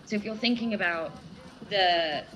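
As a guest analyst offering political commentary in an interview, a woman speaks reflectively and without a script, hesitating as she works through intellectual phrasing. Her voice is mid-range at a moderate pace, with music and other background noise behind her.

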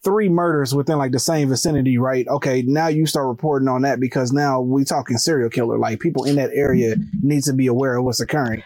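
A man hosting a casual podcast from inside a closet, rambling in profane, animated slang. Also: medium pitch, fast, few pauses, dry recording. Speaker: podcast host.

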